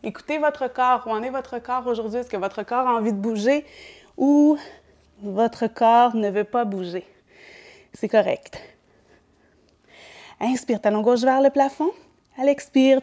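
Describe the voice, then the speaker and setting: Guiding a yoga class, this teacher speaks with a Quebec French accent in a rather high voice. Her directions come calmly and in sequence, and she lets out a light laugh here and there.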